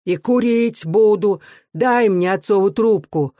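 A reader voicing a drunk young man who shouts his demands in a slurred voice. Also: medium pitch, a little slow, no room sound, studio quality, pitched above the performer's own voice, natural voice. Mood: drunk, demanding.

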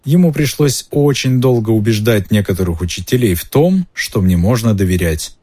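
Narrator voicing a quiet weary wizard teacher, low dark husky voice, measured. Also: male voice, animated. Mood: earnest. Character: calm, weary adult male teacher and wizard.

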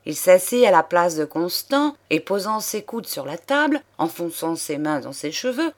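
Expressive woman reading a novel aloud. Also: lowish voice, normal speed. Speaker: audiobook reader. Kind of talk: scripted narration of a novel.

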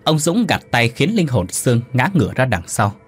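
A man's voice: medium pitch, sing-song, normal speed, slightly rough, soft background music. A man reading a horror story aloud as the channel's storyteller, dramatic and with fillers in his asides.

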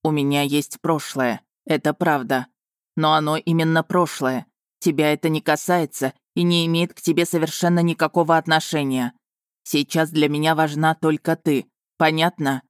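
A woman's voice: low voice, steady tone, moderate pace, clean tone, dry recording, studio quality, lightly acted. A woman voicing a commanding male dragon. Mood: insistent. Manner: curt, clipped, commanding. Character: brooding possessive male dragon, ancient. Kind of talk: audiobook reading.

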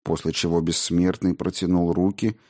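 A man reading an audiobook as narrator, in a steady, measured way. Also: sits low. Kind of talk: scripted narration.

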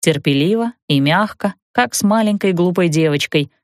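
A woman narrating a fantasy audiobook in an even storytelling manner. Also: lowish voice, normal speed, dry recording, studio quality.

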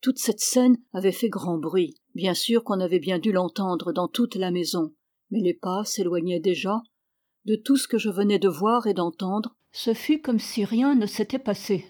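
A woman narrating a literary novel as an audiobook, in a measured, clear reading. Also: medium pitch, darkish tone, no echo, studio quality. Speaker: audiobook reader.

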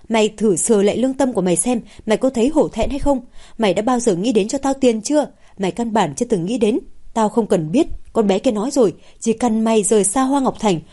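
A woman's voice: on the high side, a little fast, warm tone, close to an everyday voice. A woman voicing a domineering older mother who scolds and wails. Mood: scolding. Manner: wailing, scolding.

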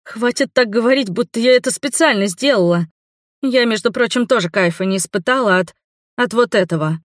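A woman's voice: on the high side, a little fast, no room sound, studio quality, voice pushed up, close to an everyday voice. A woman voicing a flustered, defensive young woman in an audiobook. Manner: indignant, flustered. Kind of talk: audiobook character voice.

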